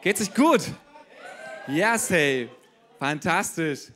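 Lively and a little high in pitch, a male pastor speaks straight to his congregation during his sermon, frequently checking in with short questions.

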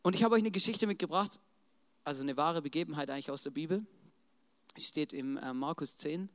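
A preacher telling a Bible story in a casual, slangy, animated way, often checking in with the congregation. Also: mid-range voice, fairly quick. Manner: slangy, animated, keeps asking "right?". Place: church in front of a congregation. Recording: long church reverb.

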